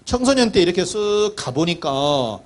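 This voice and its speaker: A man's voice: sits high, sing-song, unhurried. A male pastor preaching a sermon, who tells the story vividly, acts out the voices and asks the congregation questions.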